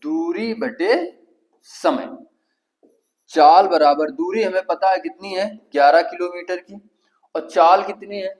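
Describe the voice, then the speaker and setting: A man's voice: high-pitched, expressive, slow pace, a little mellow, poor audio. A man with a Kanpuri Hindi accent teaching an exam-prep math lesson, asking the class questions and answering them himself step by step.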